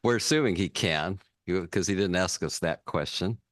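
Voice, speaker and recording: A man with a fairly low voice talks through money rules on a podcast in an easygoing, plain way. The sound is dry and close. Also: moderate pace, a bit bright, no room sound. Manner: easygoing, explains finance plainly. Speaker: co-host, financial advisor. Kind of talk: casual podcast banter.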